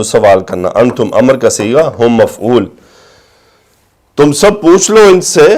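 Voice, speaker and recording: In a lecture on the Arabic grammar of scripture, a man recites phrases slowly before explaining them, raising his voice to stress a point. His voice sits in the mid range and is a little mellow.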